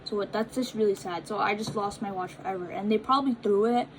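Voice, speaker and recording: A woman's voice: medium pitch, fast, a little hiss or hum, rough recording. A young woman chatting casually as she reacts to confessions, full of fillers and restarts. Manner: chatty, filler-heavy, stumbles over reading. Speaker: vlogger reading confessions. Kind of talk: casual chat reacting to read-out posts.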